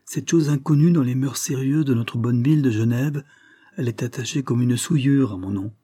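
Male audiobook narrator, measured and even, mellow husky tone. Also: mid-range voice, no echo, studio quality. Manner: measured, even first-person reading. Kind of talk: scripted storybook narration.

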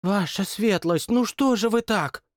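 A man voicing a blunt woman cook who scolds her master in a low mutter. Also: sing-song, normal speed, darkish tone, no echo, studio quality. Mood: reproachful. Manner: muttering, reproachful. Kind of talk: audiobook narration.

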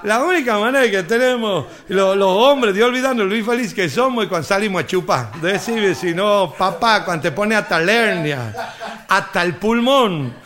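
Animated northern Argentine comedian. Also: male voice, sits high, moderate pace. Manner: animated storyteller, chatty asides. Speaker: stand-up comedian. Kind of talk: stand-up joke telling.

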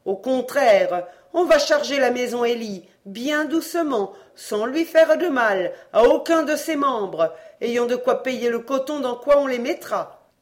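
An audiobook reader voicing a bossy, loud-mouthed mother of a poor family who scolds and gives orders. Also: expressive, unhurried, natural voice. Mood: scolding. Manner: scolding, commanding, shrill. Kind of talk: audiobook reading, acted dialogue.

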